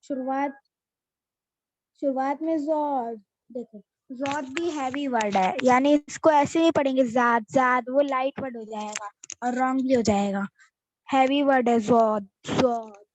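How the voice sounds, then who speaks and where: A woman's voice: high-pitched, a little slow, darkish tone, poor audio. A woman teaching a children's alphabet lesson, patiently repeating each letter name as she explains.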